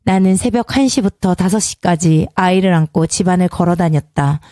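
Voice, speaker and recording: A woman's voice: on the low side, normal speed, warm tone, no room sound. Woman narrator for a storybook drama, tense telling, dry close mic. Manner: tense first-person storytelling. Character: young mother, frightened and defiant.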